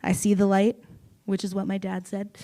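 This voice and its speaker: A young woman doing an open mic stand-up set on a small stage, deadpan with sudden loud bursts and giggles. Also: medium pitch, normal speed. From Canada. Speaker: stand-up comedian. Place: small comedy venue on stage.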